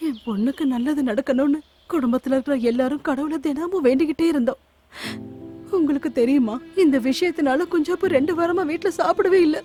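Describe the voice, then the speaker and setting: A woman playing a high-voiced old grandmother. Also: brisk, dark tone, faint music behind, close to an everyday voice. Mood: recounting. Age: older. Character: worried old grandmother, tearful and fond. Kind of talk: dubbed film dialogue.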